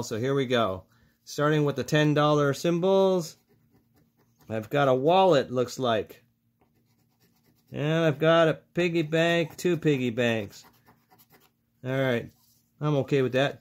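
A man talking at an unhurried, drawn-out pace while he scratches lottery tickets at a table. His talk is chatty and easily excited, and he speaks straight to his viewers as ladies and gentlemen. His voice sits at an ordinary middle pitch. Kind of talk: casual scratch-off commentary. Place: indoors at a table, over a cutting mat.

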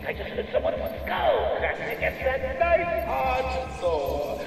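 An actor playing a gleeful, taunting clown villain with a theatrical, mocking delivery in a video game. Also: male voice, extremely high pitch, huge pitch swings, measured pace, vocal fry, distant mic, full character voice. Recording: echoey hall reverb, music behind.

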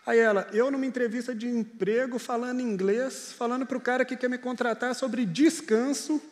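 High-voiced pastor in a reverberant hall. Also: male voice, steady tone, moderate pace. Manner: earnest, conversational storytelling. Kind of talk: sermon.

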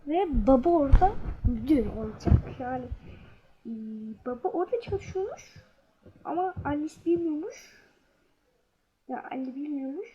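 A young woman casually commenting on a game as she plays, often muttering to herself and telling herself to stay calm. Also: high-pitched, moderate pace, pauses often. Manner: talks to herself while playing, muttering and calming herself. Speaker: gamer. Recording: dull lo-fi sound with noise behind.

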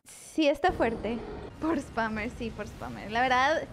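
A woman's voice: a little high, measured pace, music in the background. A woman streaming a video game, chatting playfully and mixing English words into her Spanish. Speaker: gaming streamer. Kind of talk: casual gameplay commentary.

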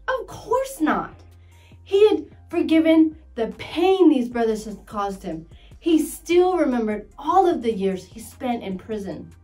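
A woman reading a scripted Bible story for children in a measured, emphatic way. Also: a little high, warm tone.

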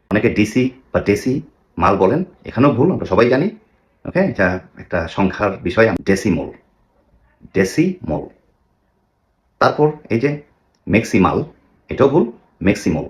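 A man's voice: lowish voice, muffled recording. A man teaching English pronunciation, asking rhetorical questions and repeating model words for the listener. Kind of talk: pronunciation lesson.

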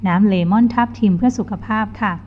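Lady playing a soft-spoken young chef girl, polite, gently teasing, muffled audio. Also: mid-range voice, fast, close to an everyday voice. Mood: gentle. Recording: dull lo-fi with faint music.

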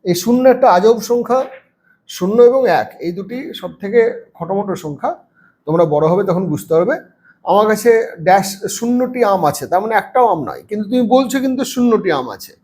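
A man's voice: high-pitched, lively intonation, a little fast, a little mellow. A man with a Bengali accent teaching a children's lesson, patiently spelling out words letter by letter and counting aloud. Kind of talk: reading lesson for young children.

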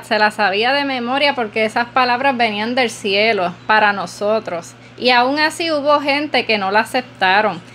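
A woman's voice: a little high, sharp tone, a little hiss or hum. A woman podcast host giving an earnest, preacherly devotional talk, repeating phrases for emphasis.

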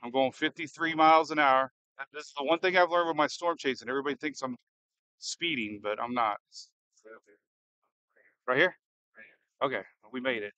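A man giving casual, excitable live storm-chasing commentary, thinking aloud and firing off questions as he drives. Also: mid-range voice, moderate pace, no echo, rough recording. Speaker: storm chaser and livestream host. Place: inside a moving car in a storm.

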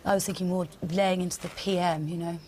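A woman's voice: fairly low pitch, flat delivery, fast, warm tone, a little hiss or hum, natural voice. An actress playing a brusque, scornful female political adviser who swears freely.

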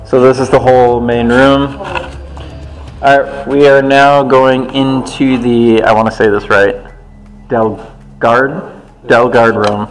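A man's voice: medium pitch, little pitch movement, unhurried, faint music behind, rough recording. Man leading a casual ghost hunt. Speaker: paranormal investigator leading a group. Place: indoors in a dark theater.

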